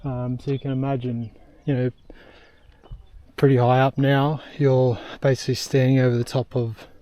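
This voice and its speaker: There's no echo on this medium-pitched, dark, level male voice moving at a normal speed. A young travel vlogger, he films a casual walking vlog on a handheld camera while hiking uphill on a hillside trail, short of breath and rambling with lots of ums and uhs.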